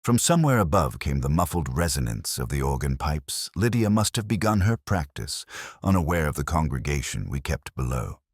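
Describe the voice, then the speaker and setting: In an extremely deep, breathy and exaggerated voice, a melancholy, wry middle-aged English police inspector narrates a scripted first-person detective radio drama. His delivery is measured and literary, with deliberate pauses, expressive pitch swings and a brooding tone, recorded dry and close with no echo.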